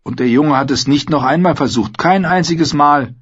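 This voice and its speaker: A man voicing a bold, teasing young wildling woman warrior, raised high and blunt in manner. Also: normal speed, slightly rough, lo-fi sound. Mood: boastful. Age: 19 (figure).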